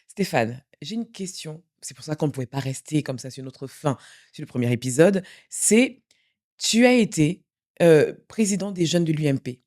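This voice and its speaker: A woman's voice: low voice, lively intonation, moderate pace, darkish tone. A woman hosting a podcast interview, introducing her guest and asking questions. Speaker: podcast host.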